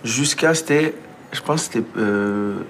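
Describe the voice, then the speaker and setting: A young man with a Quebec French accent, a comedian guest in a casual radio conversation, telling stories in a lively, joking way. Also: medium pitch, a little slow, a little hiss or hum. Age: young adult. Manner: animated, joking storyteller.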